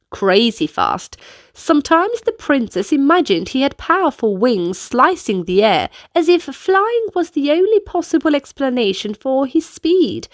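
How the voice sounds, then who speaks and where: With a high voice and an instructive, clearly paced manner, a woman guides children through dance movements as she narrates a storybook for them. The recording is studio quality with no echo.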